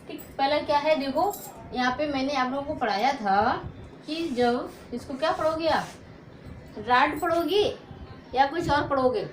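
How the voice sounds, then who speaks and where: A woman with a high-pitched voice, an English teacher and channel host, gives a Hindi-language phonics lesson at a whiteboard. She poses her own questions, answers them, and sounds out letters one at a time. The recording is rough, roomy, and has slight background noise.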